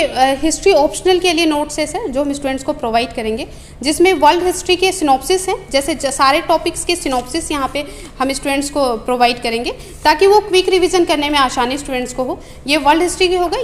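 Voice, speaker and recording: A woman from a coaching institute walking through study notes one booklet at a time, repeating phrases with frequent hesitations. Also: high voice. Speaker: coaching institute staff member. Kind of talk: explaining and listing study material.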